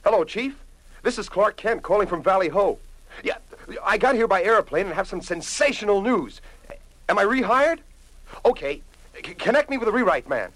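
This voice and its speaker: An actor playing a brave, modest male superhero in 1940s radio drama, with a bright theatrical delivery. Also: sits high, lively intonation, moderate pace, no room sound, rough recording. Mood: chipper.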